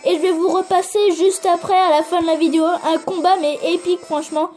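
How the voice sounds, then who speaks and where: A woman giving excitable live gameplay commentary, swearing and urging the game on while talking straight to her viewers. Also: very high voice, brisk, faint music behind. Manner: addresses viewers directly. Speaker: gaming video creator.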